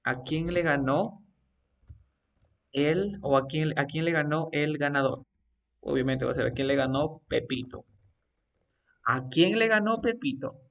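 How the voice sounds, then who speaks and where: A man's voice: fairly high pitch, measured pace, gravelly, long pauses, a bit bright, far from the mic. A man teaching an English grammar lesson, coaxing his students step by step with repeated questions. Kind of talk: live online grammar lesson.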